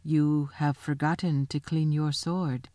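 A woman voicing a great male lion who speaks slowly and solemnly. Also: low voice, steady tone, mellow, no echo. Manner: slow, solemn.

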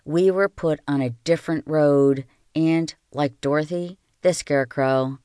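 A calm reader telling a novel aloud, with a smooth, clear voice of middling pitch. The sound is close and dry, with no room around it. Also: unhurried, no room sound. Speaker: audiobook reader.

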